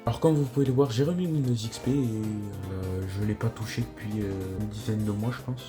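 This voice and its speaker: A man's voice: on the low side, normal speed, music in the background. A man casually narrating a tech vlog, laid-back, with lots of hesitations and mild swearing, on a cheap microphone. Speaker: tech YouTuber.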